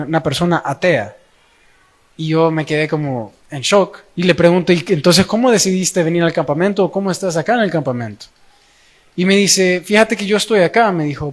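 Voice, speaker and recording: Young man, Salvadoran accent, high voice, testimony sermon, slangy storytelling. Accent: Salvadoran Spanish. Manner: storytelling with quoted dialogue, casual slang. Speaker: young preacher.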